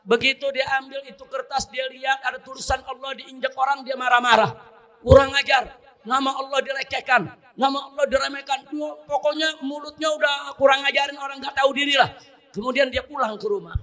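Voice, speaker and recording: A man preaching a sermon, telling a story with fervor and rising to impassioned shouts in quoted prayers. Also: very high voice, flat delivery, a little fast.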